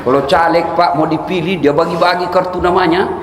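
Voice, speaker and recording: A middle-aged man from South Sulawesi, giving a comic sermon in an animated, joking way with sudden shouts. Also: a little high, brisk, a crowd in the background, background noise. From South Sulawesi, Indonesia. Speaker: preacher. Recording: echoey hall, faint ambience.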